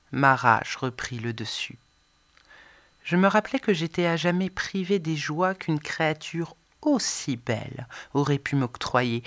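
A woman narrating an audiobook in the first person, expressive, swinging between soft and emphatic delivery. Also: extremely low pitch. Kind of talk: scripted narration.

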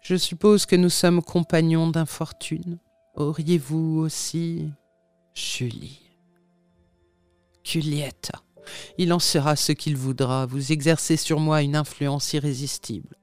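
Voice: medium pitch, level tone, moderate pace, few pauses, clean tone, no echo, soft background music, close to an everyday voice. A reader voicing an anguished little man who shifts between young and old, speaking in mournful, sighing pleas in an audiobook of a classic tale. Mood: sorrowful.

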